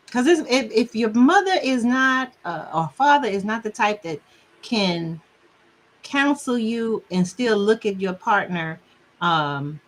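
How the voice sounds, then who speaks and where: A middle-aged woman counselor chatting casually and telling lively stories, often laughing and mimicking the people she quotes. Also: lowish voice. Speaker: relationship counselor guest. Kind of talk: casual conversation.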